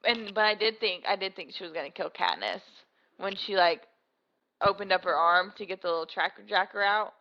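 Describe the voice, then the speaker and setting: A young woman co-hosting a casual podcast chat, animated and filler-heavy, swearing freely. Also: medium pitch, fairly quick, dull audio. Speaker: podcast co-host.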